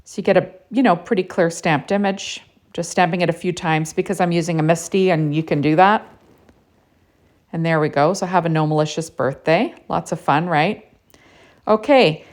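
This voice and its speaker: A woman's voice: on the low side, moderate pace. A woman narrating a casual card-making tutorial in a chatty way, with lots of "you know" and "right?".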